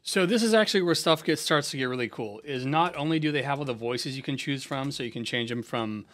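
A young man from San Diego, a music producer hosting a casual software tutorial in a laid-back, slangy, conversational way. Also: medium pitch, fast. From San Diego, USA.

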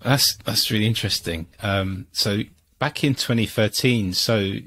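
A man's voice: on the low side, a little slow, a bit bright, a little hiss or hum. A man hosting a podcast, asking a guest curious, welcoming questions into a studio mic at home. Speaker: podcast host. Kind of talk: interviewing a guest. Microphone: studio mic on arm.

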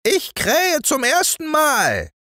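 A man's voice: huge pitch swings, takes it slowly, bright, forceful tone, no echo, studio quality, full character voice. A man voicing a golden rooster calling down from a church tower. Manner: high and calling down.

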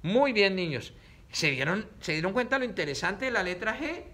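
A man giving a reading lesson to children, slowly sounding out words syllable by syllable and repeating them, recorded on a camera set up in front of him. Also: high-pitched, very animated, pushed and bright.

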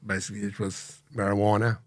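A man's voice: on the low side, level tone, dry recording, clean studio sound. Reflective South African man in his fifties. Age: 50s. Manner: measured, reflective, many hesitations. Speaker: podcast guest. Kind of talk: candid interview storytelling. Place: dark podcast studio. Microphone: studio boom mic.

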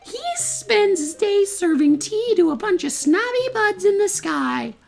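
Video game sunflower bard acted by a woman: bright, cheery, slangy, swooping high voice with some creak. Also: expressive, unhurried, faint music behind, heavily acted. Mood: cheery, proud. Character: friendly male sunflower bard, laid-back enthusiastic jam leader. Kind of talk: playful game dialogue read-aloud.

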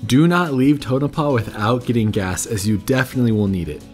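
Recommending tips in a plain, guide-like way, a thirtysomething man delivers scripted travel narration as a voice-over made apart from the footage. He speaks at a middle pitch, a little quickly, over faint guitar music.

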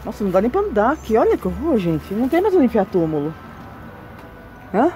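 A woman's voice: on the high side, sing-song, brisk, warm tone, slight background noise. A Brazilian woman with a São Paulo accent chatting casually and uneasily as she walks outdoors, often exclaiming. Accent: Brazilian, São Paulo region. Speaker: vlog host. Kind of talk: casual exploration chat. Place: outdoors, walking through a cemetery.

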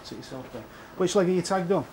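A man working as an immigration officer, speaking calmly and procedurally in an office, with some fillers. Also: high-pitched. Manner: brisk, calm and procedural, with fillers. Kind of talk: interview and on-duty talk. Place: office in a reporting centre. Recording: noisy location sound.

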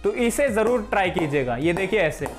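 With music playing in the background, a young cricket coach from Haryana, India, teaches a drill in a room at home, addressing the camera from across the room. He is friendly and instructive, calling his viewers friends, and speaks in a high, animated voice at a slightly fast pace.

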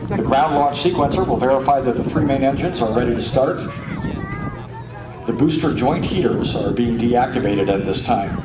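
A man giving a steady, measured launch countdown commentary over a public-address loudspeaker. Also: mid-range voice, background noise. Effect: public-address loudspeaker broadcast. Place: outdoors at a launch viewing site. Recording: distant echoey loudspeaker, dull, loud crowd. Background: cheering crowd.

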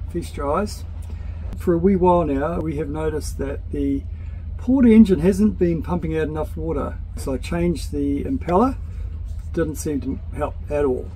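On his sailboat, a New Zealand man in his forties holds a camera at arm's length and explains boat engine work, chatty and practical, taking the mechanics step by step, at sea outdoors and on deck at night. His fairly high voice keeps a measured pace. The rough recording has loud wind and engine noise.

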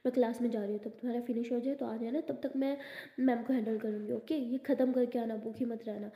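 A woman's voice: a little high, fairly even intonation, quick pace, lightly acted. A woman voicing a spirited, defiant young female college student with a sassy manner. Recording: roomy, reverberant, dull lo-fi.

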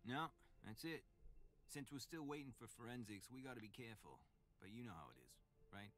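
A man's voice: mid-range voice, expressive, a little fast, fairly bright tone, faint music behind, natural voice. A man voicing a chatty, nervous male police officer with a Boston accent in a video game. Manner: rambling, eager to please.

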